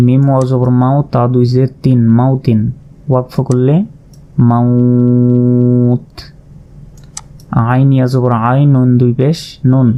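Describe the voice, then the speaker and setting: A man teaching Quran reading, spelling out letters and vowel marks one by one, then drawing out the sounds. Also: mid-range voice. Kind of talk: slow step-by-step recitation lesson. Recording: slightly dull lo-fi sound.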